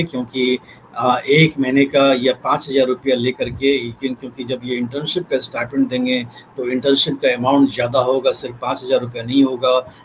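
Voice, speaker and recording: A man in his forties, an editor, explaining policy on a video call from a book-lined study, measured and often pausing with fillers. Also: medium pitch, a little hiss or hum, low-quality recording. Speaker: newspaper editor, analyst. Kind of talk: news analysis commentary. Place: home study with bookshelves. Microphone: webcam, video call.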